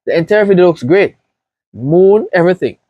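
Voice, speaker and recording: A man from Jamaica with a Jamaican accent, hosting a casual reaction video and gushing with excited praise as he talks to his viewers. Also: high voice, moderate pace, dry recording, dull audio.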